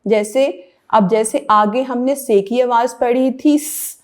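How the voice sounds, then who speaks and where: Woman teaching the alphabet, sing-song. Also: on the high side. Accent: Pakistani Urdu. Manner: slow, sing-song sounding out of letters and words; playful storytelling tone for young learners. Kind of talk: children's alphabet lesson.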